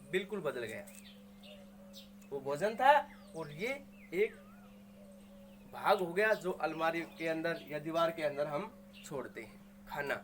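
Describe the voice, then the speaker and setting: Here a man with a high, fairly bright voice walks students through Hindi grammar. Patiently, he sounds out and repeats each word while asking questions and answering them himself. There's slight noise in the background.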